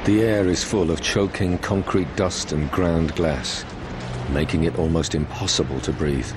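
A man narrating a documentary in a measured, grave scripted delivery. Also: sits low, fairly even intonation, background noise. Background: music.

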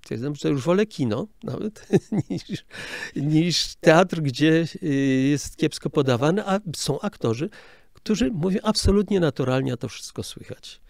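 Gravelly older man explaining film sound. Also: a little high, expressive, a little slow, darkish tone, dry recording, clean studio sound. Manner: explanatory, hesitant, with frequent restarts. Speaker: interview guest, film sound director. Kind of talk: casual interview talk.

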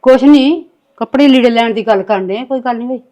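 A woman acting as a middle-aged mother who pleads anxiously to stop her sons from fighting. Her voice sits high, and she talks in a worried, coaxing way. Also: quick pace, dark tone, dull audio, lightly acted. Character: worried mother keeping the peace. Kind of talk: Punjabi family drama acting.

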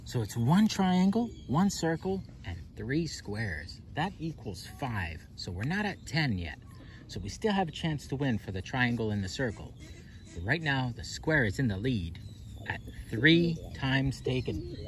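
A man's voice: medium pitch, sing-song, a little slow. A man hosting a children's counting game outdoors, talking playfully to small children and asking them lots of questions. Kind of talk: playful narration addressed to young children. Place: outdoors on grass in a park. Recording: outdoor ambience with birds, faint noise. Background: birds and outdoor ambience.

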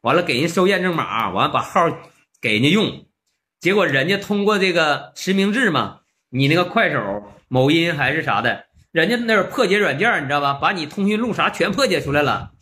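A man's voice: a little high, big pitch swings, brisk, sharp tone. A man with a Northeastern Mandarin accent, telling stories to his audience in a blunt, mocking, exclamatory way. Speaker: vlogger. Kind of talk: storytelling monologue.

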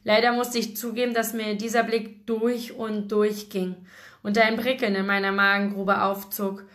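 A woman's voice: mid-range voice, flat delivery, normal speed, a bit bright. A woman reading a novel aloud in first person, with occasional slips and restarts. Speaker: book blogger reading aloud.

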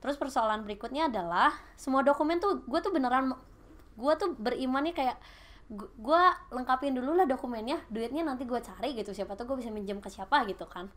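A woman in her late twenties with a Sundanese-tinged Indonesian accent, a podcast guest telling her story in lively casual chat and mixing in English phrases. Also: sits high, a little fast, a little hiss or hum. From Bandung, Indonesia.

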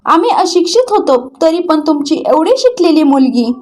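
A woman's voice: very high-pitched, sing-song, normal speed, a little mellow. A woman reading the lines of a proud, haughty older mother-in-law.

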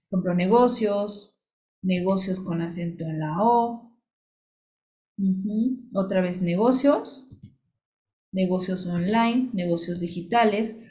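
A woman narrates a screen-share tutorial, talking the listener through each click in a chatty, explanatory way. Her pitch sits at an ordinary middle height, and she is close to the mic. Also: warm tone, a little hiss or hum. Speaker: social media business coach.

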